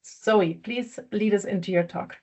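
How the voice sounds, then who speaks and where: A woman's voice: mid-range voice, a little slow, a little mellow, breathy edge, rough recording. A woman moderating a webinar, polite and full of ums as she introduces the next speaker. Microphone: video call.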